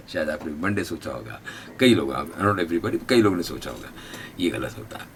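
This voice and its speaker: A man's voice: sits low, expressive, normal speed, slight background noise. A man with a North Indian accent teaching English pronunciation, repeating each word for the learners to copy. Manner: drills pronunciation by repeating words. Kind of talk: spoken English lesson. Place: classroom or institute.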